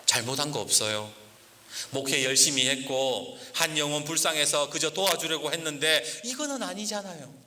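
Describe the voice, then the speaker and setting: Forceful, bright-voiced male pastor preaching. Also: a little high, normal speed. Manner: lively, acts out quoted voices. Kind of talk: storytelling sermon. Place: church sanctuary. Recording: church hall reverb, faint hiss.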